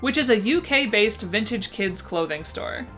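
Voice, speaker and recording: A woman's animated, medium-pitched voice moves at normal speed as she narrates a scripted list for a vintage shop roundup. She addresses the camera with upbeat enthusiasm, a lisp slurring her s, and background music plays.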